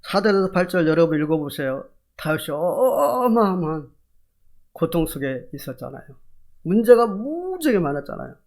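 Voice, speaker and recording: Older guy pastor preaching, high voice swinging up and down a lot, keeps firing questions at the crowd. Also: moderate pace. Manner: animated preaching, quizzing the congregation. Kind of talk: sermon.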